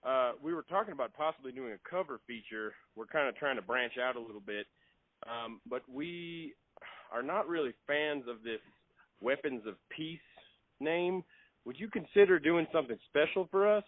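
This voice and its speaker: A man making a phone call, polite and halting, often repeating his words. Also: on the high side, animated, dry recording. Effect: heard over a phone line. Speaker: prank caller. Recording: thin, dry phone line.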